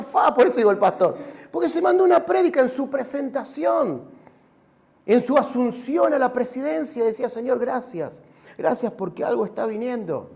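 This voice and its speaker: A man with a Rioplatense Spanish accent preaching a sermon as pastor, animated and rising to shouts. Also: very high voice, vocal fry.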